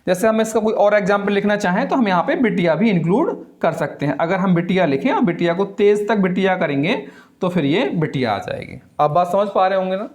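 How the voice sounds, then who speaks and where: A man's voice: sits high, animated. A young man teaching a Hindi grammar lesson, who asks the class questions, answers them himself and stretches out the vowels as he names them. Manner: draws vowels out slowly when naming them. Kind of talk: classroom lecture.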